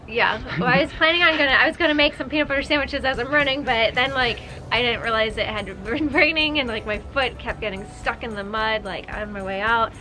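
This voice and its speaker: A young woman casually telling a homestead story in a lively, teasing way, laughing now and then. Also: a little high, a little fast, hardly any pauses, over music. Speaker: homestead vlogger.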